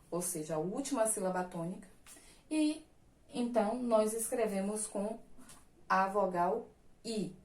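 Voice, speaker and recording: A woman's voice: mid-range voice, darkish tone. A woman teacher giving a recorded class, explaining patiently step by step and often checking in with her students. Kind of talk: recorded online class lesson. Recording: echoey room.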